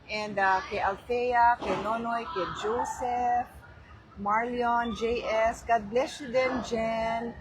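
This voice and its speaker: A chatty Filipino woman hosts a livestream on a handheld phone, greeting viewers by name and mixing English into her Filipino. Her fairly high voice is slow, with fairly even intonation. Background noise can be heard.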